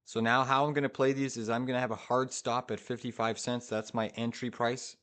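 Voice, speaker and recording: A man's voice: mid-range voice, flat delivery, a little fast, fairly bright tone. Hyped, urgent male live trading streamer. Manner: urgent, hyped, repeats short phrases and urges the market on. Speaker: live-streaming day trader, host. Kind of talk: live trading commentary to viewers.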